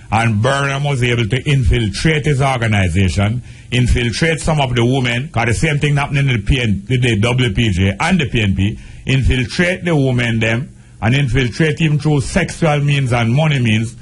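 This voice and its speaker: A man's voice: mid-range voice, slightly rough. A man with a Jamaican accent and Patois-inflected speech, speaking earnestly as a guest in a political discussion on radio.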